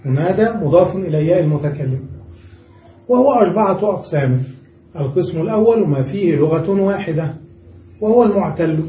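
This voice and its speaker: A man giving a grammar lesson who explains step by step, slowing down to draw out each example word and stopping to check that his students follow. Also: fairly high pitch, a little hiss or hum. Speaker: teacher. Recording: echoey lo-fi recording from a distance.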